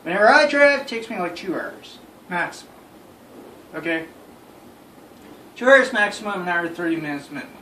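A young man with a high, expressive, bright voice tells friends a story in a fairly quick, pushed delivery full of pauses, sounding exasperated, emphatic and repetitive. He's in a small bedroom, captured by a phone camera across the room, so the audio is roomy, noisy and distant.

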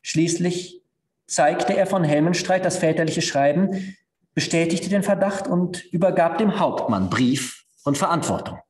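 A man, a stage actor, reading a story aloud with expressive storytelling at a live reading. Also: on the high side, a little slow. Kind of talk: literary reading at a live event. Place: theatre stage. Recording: echoey hall.

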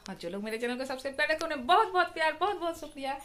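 A woman's voice: high voice, animated, rapid-fire, a bit bright. A young woman from India chatting casually in her vlog about her daily routine, sometimes cooing baby talk to a small child. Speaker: vlogger. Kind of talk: casual chat.

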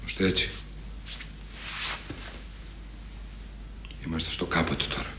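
An actor playing a curt, defensive husband who orders his wife to be quiet. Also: a bass voice, fairly even intonation, noisy background. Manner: curt, commanding, gruff. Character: husband Apostolos, harsh and defensive. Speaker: actor in TV drama.

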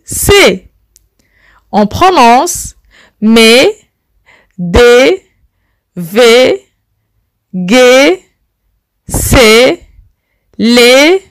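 A woman leads a pronunciation drill in a smooth, clear voice that rises and falls a lot. She spells out letters and says every word very slowly and plainly, as if for learners to repeat. The sound is close and dry, with no room in it. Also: fairly high pitch, no echo. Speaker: French pronunciation teacher. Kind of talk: slow, deliberate pronunciation drill.

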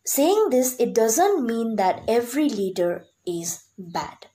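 A woman's voice: fairly high pitch, big pitch swings, slow pace, dark tone. A young woman from Sikkim with an Indian accent, giving a prepared competition speech in a stiff, memorized, declamatory manner. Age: young adult. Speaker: college student speech contestant. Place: small room indoors.

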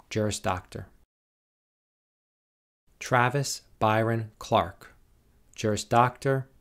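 A man formally reading out graduates' names and degrees at a commencement, in a slow, measured, deliberate way. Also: fairly low pitch, fairly bright tone. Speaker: commencement name reader.

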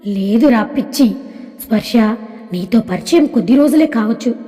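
A woman voicing a devoted young man who talks to his partner in a soft, affectionate, coaxing way, in a storybook reading. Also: extremely high pitch, expressive, moderate pace. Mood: tender. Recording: long hall reverb.

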